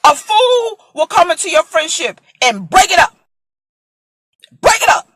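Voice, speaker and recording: A woman's voice: very high-pitched, big pitch swings, measured pace, fairly bright tone, dry recording. A woman in her forties from Brooklyn, preaching in an impassioned, emphatic way and acting out voices in a vlog sermon. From Brooklyn, USA. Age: 40s.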